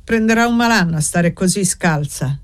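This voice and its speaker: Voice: mid-range voice, moderate pace, lightly acted. A reader voicing a young servant woman who speaks curtly and holds her nerves in check, in an audiobook reading. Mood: flat. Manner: calm, curt, held-back. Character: young foundling woman, servant, tense but controlled.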